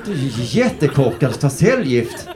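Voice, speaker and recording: A man's voice: medium pitch, very animated. Rambling stand-up man with crowd laughter. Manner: loose, rambling delivery with mock voices and swearing. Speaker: stand-up comedian. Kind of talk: stand-up comedy set. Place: comedy stage before a laughing audience. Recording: live crowd laughter behind.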